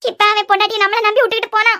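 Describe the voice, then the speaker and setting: A woman's voice: very high voice, flat delivery, racing, bright, forceful tone. Cartoon grandmother, old and anxious, woman voicing; lamenting prayers, Kanyakumari Tamil accent. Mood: anxious praying. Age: older. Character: worried praying old grandmother.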